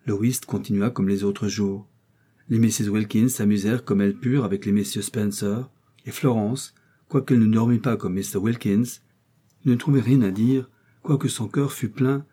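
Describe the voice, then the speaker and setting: A man's voice: on the low side, fairly even intonation, normal speed, warm tone, breathy edge. A man reading a classic novel aloud as an audiobook narrator, giving the characters' dialogue its own turns. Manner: reads aloud, voicing each character in dialogue.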